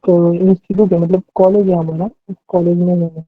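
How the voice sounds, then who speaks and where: A man introducing himself to an online class in a halting, hesitant way, his voice breaking up over a bad internet call. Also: sits high, level tone, phone-quality sound, soft background music. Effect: choppy, breaking-up online call audio. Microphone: remote call over the internet.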